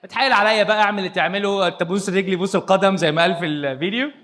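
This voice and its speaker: A young Egyptian man teaching English to a crowd, playful and quick to laugh as he quizzes his students. His voice sits high and rushes along at a fast clip. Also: fairly even intonation, fairly bright tone. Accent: Egyptian Arabic. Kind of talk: lively classroom teaching. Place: youth hall with a live audience.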